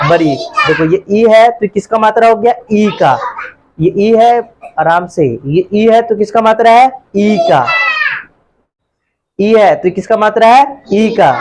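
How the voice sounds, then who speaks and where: A man teaching a live Hindi alphabet class, leading pupils in call-and-repeat and chanting the letters loudly while coaxing them along. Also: high-pitched, background noise. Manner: coaxing, calls pupils beta and bhaiya. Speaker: tutor.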